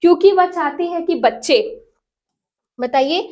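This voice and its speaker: A woman's voice: very high voice, unhurried, darkish tone. A woman teacher going through exam practice questions, asking the class questions and answering them herself. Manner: explains each option by asking and answering herself. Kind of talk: exam prep lesson.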